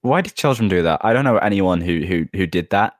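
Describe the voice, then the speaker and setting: A British man with a low voice chatting on a voice call, trading dry jokes. The sound is close and dead, with no room in it. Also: animated, brisk, no echo. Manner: dry, jokey. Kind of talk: casual chat.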